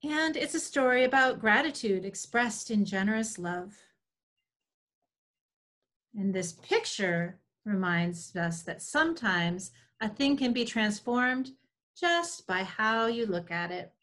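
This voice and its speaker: Her voice is fairly high and fairly bright, with lively intonation and a slow pace, as this woman in her forties reads scripted children's storytelling. The recording comes through a video call computer mic in a room at home.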